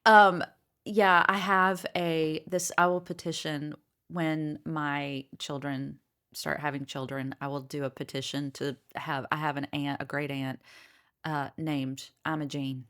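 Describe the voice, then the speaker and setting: A middle-aged woman co-hosts a casual podcast chat. Her voice sits on the low side, and she gushes warmly over old-fashioned names. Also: flat delivery, measured pace. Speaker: podcast co-host.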